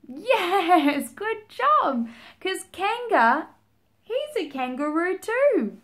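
Young woman for a children's storytime. High and sing-song, unhurried, gasps and invites the child to join in. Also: very animated, a bit bright. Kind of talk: reading and singing a picture book to young children. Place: small indoor room, seated at home.

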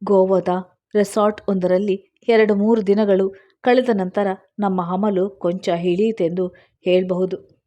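A woman narrating a first-person dramatic story in a steady, expressive reading voice. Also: medium pitch, measured pace, muffled recording.

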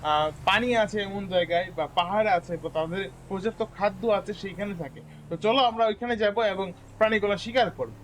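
A man talks his viewers through a hunting game in a casual, rambling way. His voice sits high, and he repeats words when something happens. A faint hum of ambience stays under his voice. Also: a little fast. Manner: chatty, addresses viewers as guys, repeats words excitedly. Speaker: gaming YouTuber. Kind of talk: casual gameplay commentary.

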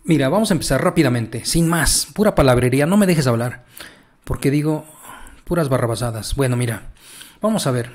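A man's voice: medium pitch, animated, a little fast. A man teaching a casual language lesson, chatty and encouraging, stretching out words as he explains.

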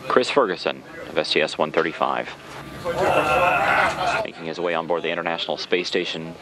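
A man's voice: extremely low pitch, steady tone, a little fast, very noisy. An American man giving live commentary as a mission control announcer.

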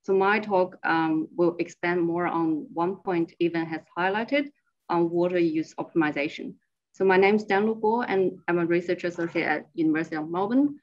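A woman's voice: fairly low pitch, normal speed, highs cut off. A woman research associate giving a slide presentation over a remote screen-share call, explaining her work step by step.

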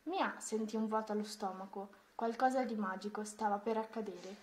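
A woman reading a children's Christmas story aloud, in a gentle, expressive way. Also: medium pitch, normal speed, slight background noise.

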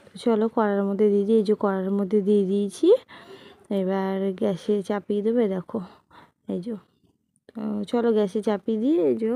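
A woman in a casual cooking vlog, talking softly and slowly in a tired, hoarse voice because she feels unwell. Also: medium pitch, dry recording. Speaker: cooking vlogger. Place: home kitchen.

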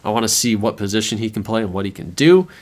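A man's voice: fairly low pitch, lively intonation, fast talker. A man hosting a casual chat about a football video game, laid-back as he walks through results. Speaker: host. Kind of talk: casual gaming commentary.

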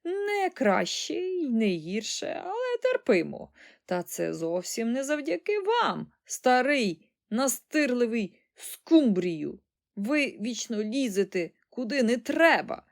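A woman's voice: fairly high pitch, big pitch swings, slow, creaky, voice pushed up, exaggerated voice. Woman doing a grumpy old grandmother. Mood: grumpy scolding. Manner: shouting in wild bursts, then sharp and scolding.

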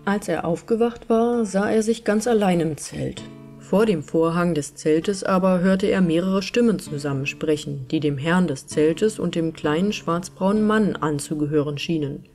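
A woman reading an old fairy tale aloud as an audiobook, with calm, measured narration. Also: fairly low pitch, soft background music. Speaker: storyteller.

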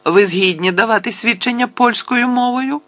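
A man's voice: normal speed, a bit bright, no echo. A man reading the part of a stern, short-tempered judge who hands down severe rulings. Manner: severe, booming pronouncements.

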